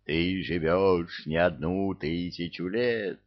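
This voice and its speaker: A fakir deep in a trance, intoning his prophecies in a hollow, sepulchral voice, slow and distant, as a man puts him on. Each word is drawn out like an oracle in a storybook. The sound is a little dull and lo-fi. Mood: entranced. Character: Indian fakir in a trance, male, dazed prophet.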